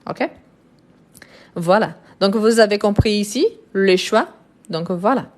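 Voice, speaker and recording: A woman teacher of mixed French and Brazilian background walks her viewers through verb tenses at a slow, careful pace, pausing often on fillers as she works through each example. Her voice sits at an ordinary middle pitch for a woman. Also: darkish tone. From France and Brazil. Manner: slow, deliberate, explanatory with many fillers. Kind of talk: live online grammar lesson.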